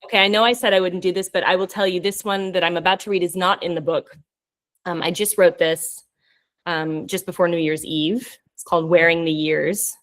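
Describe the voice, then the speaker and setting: A woman's voice: fairly low pitch, steady tone, brisk. Woman poet reading with playful banter. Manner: playful, joking between earnest poem readings. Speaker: poet reading her work. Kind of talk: virtual poetry reading with banter.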